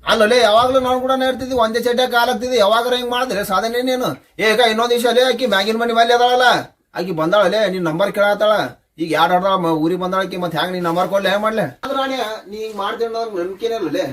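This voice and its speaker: A man's voice: sits high, fairly even intonation, very fast, a bit bright, recorded from a distance. A man with a North Karnataka Kannada accent playing a teasing, rowdy friend in a comic sketch.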